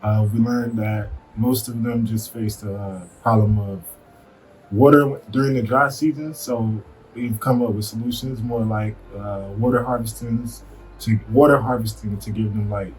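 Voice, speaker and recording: A man's voice: on the low side, fairly even intonation, moderate pace, darkish tone, distant mic, faint music behind, rough recording. A man from Florida giving a plain-spoken testimonial as a program participant.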